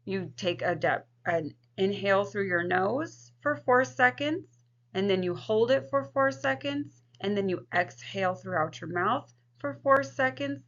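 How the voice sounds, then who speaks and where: A woman social work student giving a scripted instructional presentation in a creaky voice. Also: mid-range voice, fairly bright tone. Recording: dull, lo-fi microphone sound.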